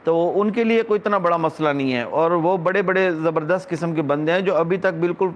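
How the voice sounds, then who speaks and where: High-voiced, indignant middle-aged man. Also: highs cut off, slight background noise. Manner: indignant, scornful ranting. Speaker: vlogger. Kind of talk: casual monologue.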